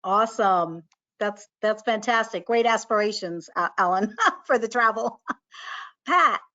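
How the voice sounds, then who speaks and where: A woman's voice: mid-range voice, measured pace, sharp tone. A woman moderating a webinar panel who greets each speaker with upbeat affirmations. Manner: upbeat affirmations, some fillers. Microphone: video call. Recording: muffled video call audio.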